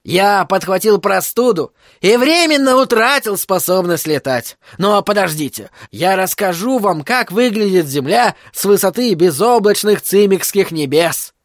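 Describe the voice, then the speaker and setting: A man's voice: high-pitched, expressive, unhurried, hardly any pauses, no room sound, clean studio sound, voice pushed up. A man doing a pleading, theatrical showman. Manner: loud, showy barker's patter. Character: crippled male Remade showman, pleading, theatrical.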